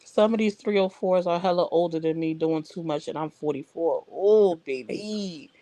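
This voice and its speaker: Hosting a casual livestream, a woman speaks bluntly and directly to her viewers. Her voice is lowish and mellow at a normal pace, with no room sound.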